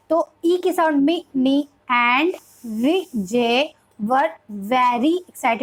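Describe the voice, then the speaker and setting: High-voiced Indian teacher explaining reading steps. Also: female voice, low-quality recording. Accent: Indian English. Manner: explains step by step, slowly sounds out English sentences. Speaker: preschool teacher. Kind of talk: reading lesson for parents.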